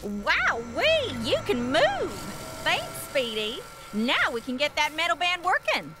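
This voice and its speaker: A woman's voice: high-pitched, wildly swooping pitch, slow, music in the background, full character voice. A woman playing a flustered, folksy Old West townsperson in a video game, with an American Western drawl. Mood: folksy, excitable. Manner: folksy, exclamatory cowboy slang. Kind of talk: video game character acting. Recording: loud game noise behind.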